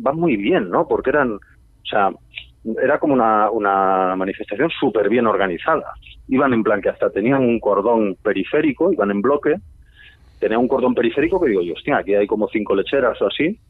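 A man with an accent from Spain tells a slangy, lively anecdote in a husky voice, acting out what he said back then. The sound is thin and tinny, like a phone line, and completely dry. His pitch sits in an ordinary middle range. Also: no room sound. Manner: lively storytelling, slangy, acts out his own past remarks. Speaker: guest telling a story on a radio show. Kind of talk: casual anecdote.

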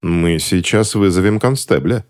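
A man voicing a pompous, drawling gentleman in a bowler hat. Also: sits low, measured pace.

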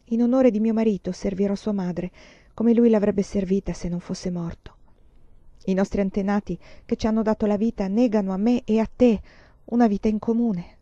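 A quiet young Chinese widow speaks with composed resignation, voiced by a woman reader. The voice is warm and low-key in a dry, close storybook recording. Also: fairly even intonation, normal speed, dry recording, dull audio, close to an everyday voice. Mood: resigned.

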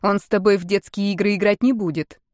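Woman voicing a straight-talking young woman, crisp, teasing, dry close audiobook sound. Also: medium pitch, fairly even intonation, quick pace, a little mellow, dry recording, lightly acted. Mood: sceptical. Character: direct, sharp-witted young woman, mocking.

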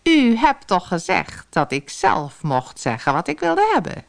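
Woman doing ugly scheming male dwarf, storybook, low, drawn-out, sly and menacing. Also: huge pitch swings, creaky, exaggerated voice.

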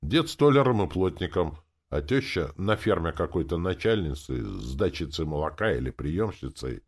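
A man's voice: low-pitched, sing-song, moderate pace, breathy edge, exaggerated voice. A man voicing a brash, crude young villager who talks in a mocking way. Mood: irritated.

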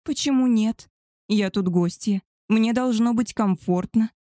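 A woman's voice: a little high, brisk, dark tone, no echo, studio quality, voice pushed up, natural voice. A woman voicing a spoiled, demanding young female werewolf in a spoken story, talking petulantly and with indignation. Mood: indignant.

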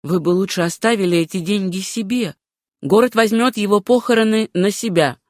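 A woman reading aloud, voicing a kind young male doctor who speaks gently and with concern, close to her own voice. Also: mid-range voice, normal speed, no room sound, close to an everyday voice. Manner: gentle, solicitous.

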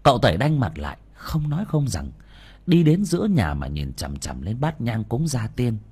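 A man narrating a ghost story in a dramatic, animated way. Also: medium pitch, normal speed, husky.

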